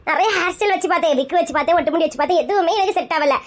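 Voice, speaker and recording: Very high-pitched and very fast, this woman's voice carries a Kanyakumari Tamil accent as she acts out a domineering elder sister who scolds in a comedic skit, all in a chatty mood.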